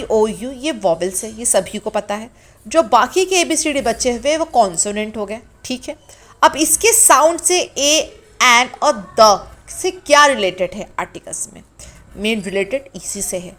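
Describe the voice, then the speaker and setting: Woman teacher doing a beginner grammar lesson, kinda high voice, drags out the letter sounds, keeps asking questions. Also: a bit bright. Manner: slow, drawn-out sounding of letters; asks the class questions. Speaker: English teacher.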